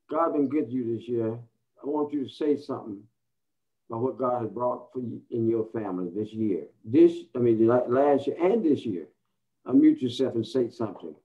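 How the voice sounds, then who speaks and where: A man, a bishop exhorting his congregation from home on a video call. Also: mid-range voice. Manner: preacherly, exhorting. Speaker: bishop, pastor. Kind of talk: closing remarks to congregation. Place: home, indoors. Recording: tinny phone-like video call audio.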